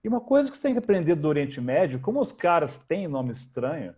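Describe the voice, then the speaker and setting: Lively brazilian man telling stories. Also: fairly high pitch, fast, husky, dull audio. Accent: Brazilian Portuguese. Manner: lively anecdotal, slangy. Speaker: guest, futurist. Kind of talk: casual storytelling interview.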